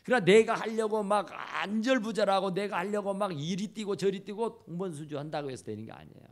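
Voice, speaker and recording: A man preaching a sermon as pastor in a church, impassioned and repeating his phrases for emphasis. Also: high voice. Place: church sanctuary. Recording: church camera recording.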